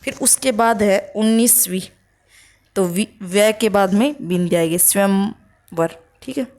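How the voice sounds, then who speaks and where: A woman teaching spelling for an exam, slowly reading out word lists and checking with short asides. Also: mid-range voice, darkish tone. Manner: slow, listing words one by one with "ठीक है" checks.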